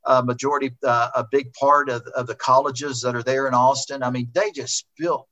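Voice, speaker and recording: Rambling middle-aged man, bright tone. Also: mid-range voice, steady tone, moderate pace. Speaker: racing driver, interview guest. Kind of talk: heartfelt remembrance in a conversation. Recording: dull lo-fi sound.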